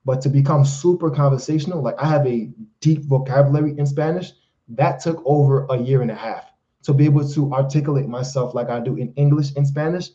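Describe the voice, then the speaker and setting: Here the man talks fairly quickly in a mid-range, dark voice, with the high frequencies cut off. He's a native Haitian Creole speaker coaching people through a live Q&A stream, emphatic and preachy in his motivational advice, and he keeps calling listeners "brother" and "fellas."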